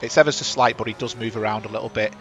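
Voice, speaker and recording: On the low side and slightly bright, this man's voice rattles off live commentary at a rapid clip while keeping a level tone. He's a talkative sim racing broadcast host on a headset, wandering off on tangents and fixing his own slips mid-race.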